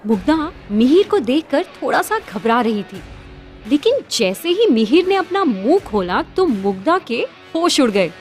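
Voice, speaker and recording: A woman narrating a scripted audio story in a smooth storytelling delivery. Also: high-pitched, very animated, unhurried, faint music behind.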